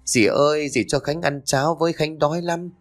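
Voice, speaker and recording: A man's voice: fairly high pitch, steady tone, brisk, pitched above the performer's own voice, lightly acted. A man voicing a small, hungry, frightened little boy who pleads through tears in a spoken ghost story. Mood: pleading. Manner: pleading, tearful.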